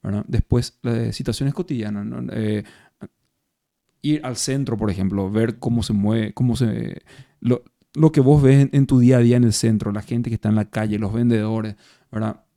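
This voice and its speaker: A man's voice: mid-range voice, fairly even intonation, normal speed, warm tone, no room sound, clean studio sound. A man with a Paraguayan accent, an actor guest chatting casually over beers, reflective and full of restarts. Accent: Paraguayan Spanish. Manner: reflective, many restarts and tag questions. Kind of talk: casual interview chat. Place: bar or café over beers.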